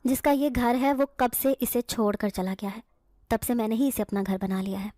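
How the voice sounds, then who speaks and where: Harsh, slow, scornful young jinn man, as a woman storyteller puts him on, storybook horror voice, somewhat raised pitch. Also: dark tone, dry recording, studio quality, lightly acted. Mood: stern. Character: angry reclusive young man, secretly a jinn.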